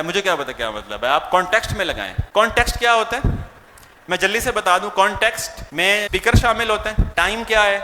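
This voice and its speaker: Pakistani male lecturer, high bright voice, quizzes his audience; echoey hall, faint hiss. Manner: mixes Urdu with English words, asks the audience questions. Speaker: English teacher. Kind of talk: lecture to teachers.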